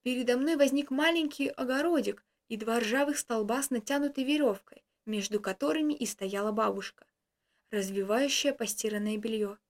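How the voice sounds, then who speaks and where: A woman reading a first-person story aloud in a steady, expressive way. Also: a little high, moderate pace.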